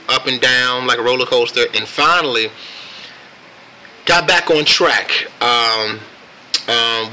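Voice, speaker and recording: An American man casually telling a personal story on camera in a reflective, laid-back and halting way. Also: mid-range voice, bright, forceful tone, a little hiss or hum, low-quality recording. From United States. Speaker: vlogger.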